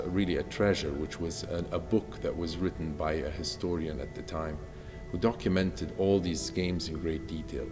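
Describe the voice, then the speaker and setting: A man from Egypt, an architect, explaining a project in a measured, explanatory documentary interview. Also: sits low, in a large hall.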